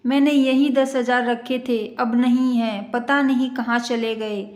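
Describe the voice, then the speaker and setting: Stern older mother-in-law, read by a woman, suspicious and scolding; slightly high voice, roomy echo. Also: steady tone, measured pace, darkish tone, close to an everyday voice. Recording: echoey room.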